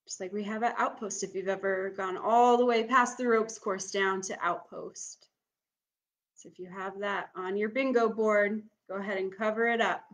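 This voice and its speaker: A young woman works as a bingo caller for an online game, speaking in a medium-pitched voice. She gives casual, step-by-step instructions and announces each item, then repeats it. She is recorded indoors at home on a computer microphone. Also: fairly even intonation, normal speed. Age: young adult. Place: small room at home, indoors.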